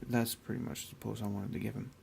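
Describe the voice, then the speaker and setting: A young man casually talking through his hobby work, rambling and relaxed with many fillers and restarts. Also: fairly low pitch, fast talker, vocal fry, slight background noise. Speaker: miniature painter.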